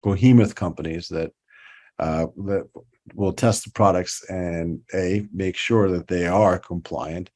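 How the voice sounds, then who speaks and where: A middle-aged man with a New York accent speaks in a fairly low voice. He rambles casually as a podcast guest, doubling back on his words and leaning on fillers as he explains his trade. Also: fairly even intonation, unhurried, a little mellow. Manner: rambling, many restarts and fillers. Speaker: toy designer guest.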